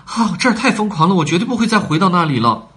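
A man's voice: high voice, very animated, fast talker, a bit bright, voice pushed up. A man voicing a polite but bold young girl with a wondering manner in a storybook reading. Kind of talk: storybook voice acting.

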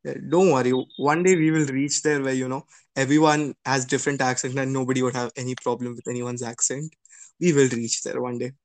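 A young man hosts a podcast in a casual interview chat, speaking at medium pitch with a steady tone and brisk pace. He asks rambling questions and reacts sympathetically.

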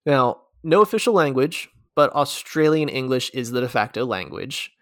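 A man's voice: medium pitch, normal speed, no echo. American man explaining facts, dry close mic. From United States. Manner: lively, fact-heavy, leads the segments. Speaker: podcast co-host. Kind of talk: casual explainer chat.

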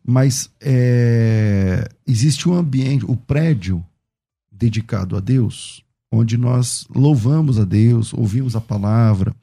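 Brazilian moderator, very dark husky voice, calm and conversational when asking questions. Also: male voice, mid-range voice, slow. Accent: Brazilian Portuguese. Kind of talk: debate on worship.

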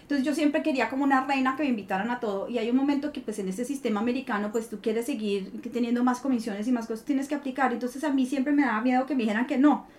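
A woman, an artist talking as a guest in an interview, animated and playful. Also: on the high side, quick pace, hardly any pauses. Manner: animated, playful, acts out inner dialogues. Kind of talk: conversational interview.

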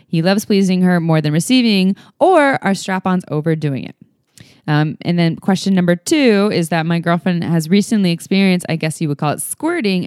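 A woman co-hosting a casual podcast, upbeat and quick to chime in. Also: fairly low pitch, darkish tone, dry recording, clean studio sound. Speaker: podcast co-host.

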